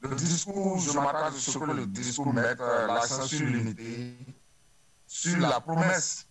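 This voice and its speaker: In a phone interview with a crowd audible behind him, a ruling-party politician from Benin speaks with a Beninese French accent. His medium-pitched voice is unhurried, and his earnest, rhetorical style repeats phrases for weight.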